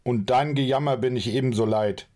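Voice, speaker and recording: A short-tempered male leader, played by a male reader, snapping out orders and scolding in a voice pitched up from the reader's own. The dark, mellow tone of the storybook reading stays underneath the anger. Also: brisk, close to an everyday voice. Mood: furious.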